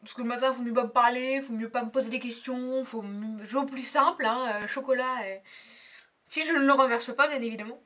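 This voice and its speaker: Young female beauty vlogger, high bright voice, chatty and hesitant. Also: steady tone, fairly quick, recorded from a distance. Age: young adult. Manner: chatty, hesitant, many fillers. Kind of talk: casual tag video chat.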